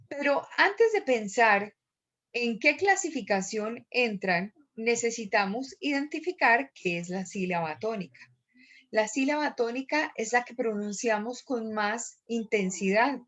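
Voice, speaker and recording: A woman teacher giving a recorded lecture, explaining step by step with frequent pauses and fillers. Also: mid-range voice, muffled recording.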